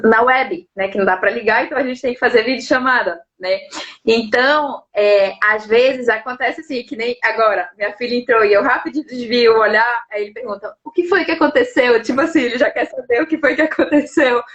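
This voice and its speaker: High-voiced woman explaining patiently. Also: moderate pace, a bit bright, muffled recording. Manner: explains patiently, leans on tag questions. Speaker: sign language interpreter and lawyer. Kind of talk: explanatory live interview talk. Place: at home.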